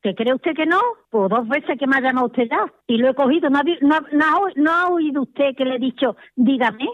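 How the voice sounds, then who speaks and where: A woman's voice: high-pitched, a little fast, no room sound. Older woman, tinny phone line. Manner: exasperated, insistent, repeats herself. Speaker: prank call victim. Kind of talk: phone conversation. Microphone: telephone.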